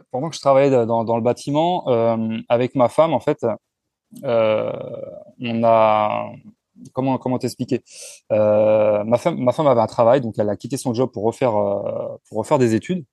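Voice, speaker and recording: A man in his forties, speaking as an interview guest in a relaxed, frank way, often pausing and restarting his sentences. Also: medium pitch, creaky, no echo, studio quality. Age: 40s. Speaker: entrepreneur guest. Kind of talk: casual conversational interview.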